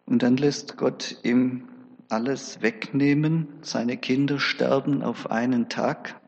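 A man preaching a sermon, telling the story in a lively, chatty way with conversational asides. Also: medium pitch, slow, gravelly, husky, big-room sound, lo-fi sound.

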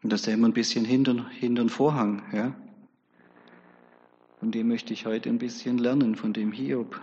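A man preaching a sermon, telling the story in a lively, chatty way with conversational asides. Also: medium pitch, normal speed, husky, long reverb tail, highs cut off.

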